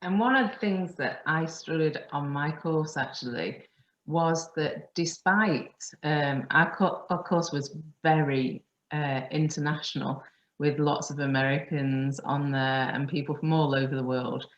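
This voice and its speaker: A woman hosting a podcast interview over a video call, chatty and quick to laugh. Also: sits low. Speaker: podcast host. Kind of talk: casual interview. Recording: muffled roomy call audio.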